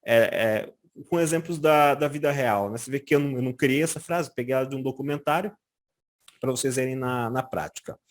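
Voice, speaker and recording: A Brazilian man teaching German in a casual lesson, often checking in with "tá?" and saying German examples slowly and carefully. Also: mid-range voice. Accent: Brazilian Portuguese. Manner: lively, frequent "tá?" check-ins, slow careful German examples. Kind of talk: casual explanatory language lesson.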